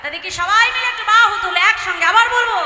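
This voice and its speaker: High-voiced woman leading kirtan. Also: fast, bright, forceful tone, slight background noise. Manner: coaxing, leads call-and-response. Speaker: kirtan singer. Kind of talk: devotional kirtan with sung chanting. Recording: echoey hall, far from mic, with music. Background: instrumental music.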